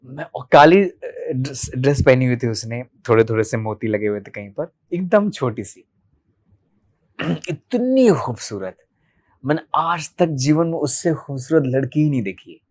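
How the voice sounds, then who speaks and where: A man in his thirties from Delhi, a podcast guest telling his life story in a candid, animated way and acting out remembered dialogue. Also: medium pitch, moderate pace. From Delhi, India. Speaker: podcast guest, martial arts practitioner.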